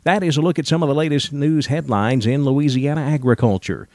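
A man's voice: mid-range voice, a little fast, darkish tone, no echo. American male news anchor, dry studio sound. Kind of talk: scripted news reading.

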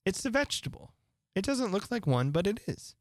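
A reader voicing a polite, puzzled young girl who answers softly and hesitantly. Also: medium pitch, sing-song, a little fast, no room sound, studio quality, pitched above the performer's own voice, natural voice. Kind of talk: audiobook character voice.

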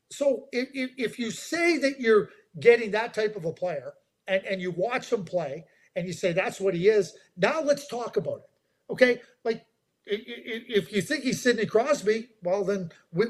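A man with a fairly high voice talks through hockey prospects on a podcast. He is emphatic and animated, stacking repeated words as he drives his points home. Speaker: hockey draft analyst. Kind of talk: podcast chat.

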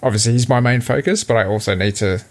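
An Australian man, a young adult, co-hosting a podcast in relaxed, rambling casual chat over a remote call. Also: mid-range voice, quick pace. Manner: relaxed, rambling with fillers and restarts. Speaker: podcast co-host.

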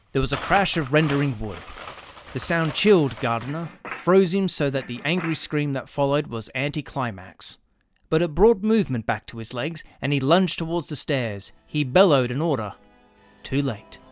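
A man narrating a dramatic science fiction story in a lively, expressive way. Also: medium pitch, normal speed, noisy background.

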